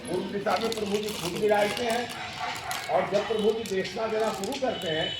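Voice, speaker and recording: A temple priest explaining religious history and lore in a steady, recited flow. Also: male voice, high-pitched, moderate pace. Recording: noisy outdoor background.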